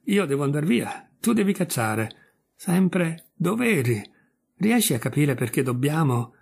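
A man's voice: on the high side, sing-song, a little slow, gravelly, darkish tone, breathy edge, heavily acted. A man voicing a weak, starving male dog who argues stubbornly in a storybook reading.

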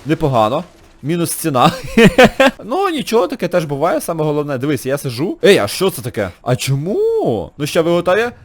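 A man hosting a gaming channel, giving chatty let's-play commentary, excitable, laughing often and yelping in high squeals. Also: a little fast.

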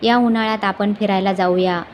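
A woman voicing a caring young daughter-in-law in a storybook reading, talking warmly and persuasively. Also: mid-range voice, steady tone, a little fast, a little hiss or hum, lightly acted.

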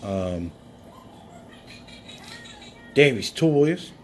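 Filming on a handheld phone, a man shows toy cars spread across a bedsheet indoors in a casual show-and-tell vlog. His mid-range voice swings widely in pitch and moves very slowly, with many fillers and chuckles, over slight background noise.

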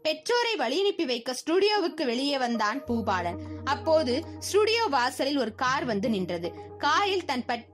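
Young woman narrating a children's story. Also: high-pitched. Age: young adult. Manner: expressive storytelling. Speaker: audiobook narrator.

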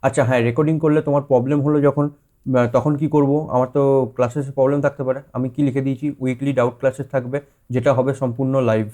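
A man's voice: mid-range voice, flat delivery, brisk, mellow. A male teacher speaking Bengali-accented English loanwords in a casual explanatory talk, rephrasing often and checking in with his students. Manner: conversational, many fillers and rephrasings, checks in with students. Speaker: teacher introducing a course.

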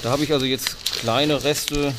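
A man with a mid-range voice, fairly even intonation and a moderate pace works as a nature guide, chatting casually with children as a conservationist leading a nature walk. He asks them questions and echoes their answers. It's a noisy outdoor field recording made at night on a farm estate, both outdoors and in a barn.

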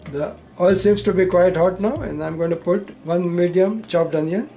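An older man, host of a home cooking show, giving calm, plain step-by-step cooking instructions. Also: high-pitched, moderate pace, soft background music.

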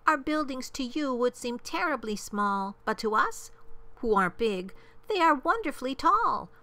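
Female reader as a minuscule polite mayor, small piping voice, high-pitched, earnest, children's storybook. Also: big pitch swings, normal speed, sharp tone, heavily acted. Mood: proud, grateful. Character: tiny, polite, grateful mayor of miniature people.

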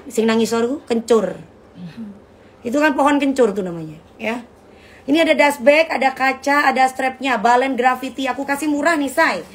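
This is a high-voiced middle-aged woman running an informal live stream to sell bags, trash-talking brashly and calling viewers darling. A little hiss or hum can be heard.

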